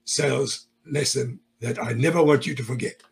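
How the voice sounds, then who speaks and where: A man voicing a cranky old Scottish male sales manager, with a gruff, stern Scottish accent. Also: medium pitch, normal speed, a little hiss or hum, pitched below the performer's own voice, lightly acted.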